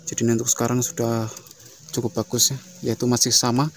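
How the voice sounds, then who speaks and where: A man talking quickly through a casual how-to vlog, his pitch staying flat and even. He keeps padding his sentences with little fillers, and faint noise sits under the recording. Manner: fast, flat, repeats fillers like "ya" and "eh". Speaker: beekeeping channel host.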